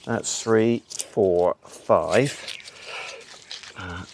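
Filmed from afar with a tripod-mounted camera mic, this casual gardening vlog has an older allotment gardener talking through each task in a low voice at a very slow pace. Background noise is heavy in the outdoor plot.

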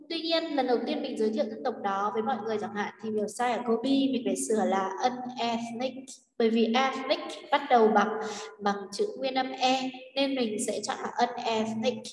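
A woman's voice: a little high, normal speed, darkish tone. Vietnamese woman teacher explaining exam answers. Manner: patient, step-by-step explaining with checking questions. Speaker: English teacher. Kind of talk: exam review lesson. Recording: echoey room from a distance.

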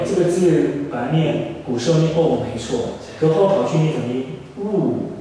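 A Taiwanese-accented man in his forties runs a lecture, constantly quizzing the class and answering himself. His voice sits a bit high and sounds distant, with long reverb from a large room and faint hiss behind. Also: dark tone. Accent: Taiwanese Mandarin. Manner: quizzing, repetitive, explanatory. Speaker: English teacher. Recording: echoey hall recording from far off.

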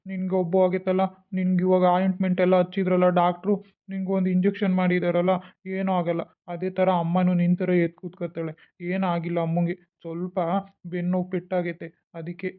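Guy doing a soft-spoken cartoon dad, calm and flat, tinny phone-ish audio. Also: high-pitched, brisk, natural voice. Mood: soothing. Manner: soothing, patient. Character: caring young father, gentle and sad.

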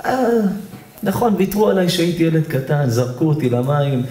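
A meek old biblical leader shrugging off every insult, as a preacher puts him on, in a bright, swooping voice that rings through an echoing hall; calm and forgiving, he muses plainly to himself. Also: on the high side, a little hiss or hum, pitched below the performer's own voice. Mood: cheerful.

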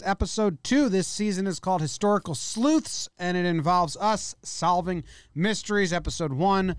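A man with a fairly high, smooth voice co-hosts a comedy podcast. He banters in a joking, self-deprecating way and reads history notes aloud. The sound is close and dry, with no room around it. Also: no room sound. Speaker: podcast co-host. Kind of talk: casual comedic chat and reading history notes.

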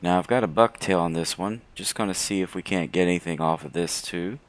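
A man with a slightly hoarse voice giving casual, unhurried, low-voiced commentary as host of a gaming video. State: hoarse from throat trouble.

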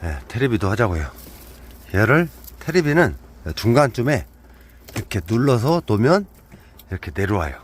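A man's voice: medium pitch, big pitch swings, normal speed, a little hiss or hum. A man giving a joking, chatty hands-on walkthrough of a camper van, counting steps aloud as he goes. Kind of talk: casual hands-on product walkthrough.

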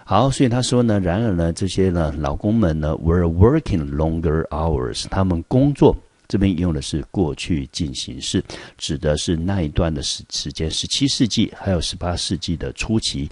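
A man with a low, slightly husky voice teaches an online English lesson. He reads each textbook sentence aloud, then explains it patiently, asking the class questions and repeating key words. The sound is dry and close, with no room echo. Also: expressive, moderate pace, hardly any pauses, a little mellow. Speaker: high school English teacher.

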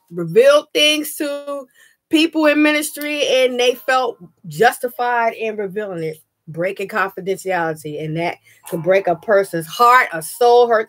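A woman's voice: medium pitch, fairly bright tone. A woman pastor giving an earnest sermon with frequent amens, her throat slightly scratchy. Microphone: webcam. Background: music.

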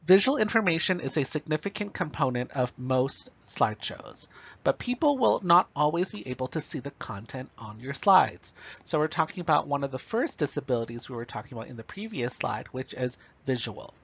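A man's voice: medium pitch, big pitch swings, a little fast, gravelly, a bit bright, slightly rough, muffled recording. A man giving a recorded lecture, explaining step by step and checking in with the listener. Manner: explanatory, checks in with okay and right.

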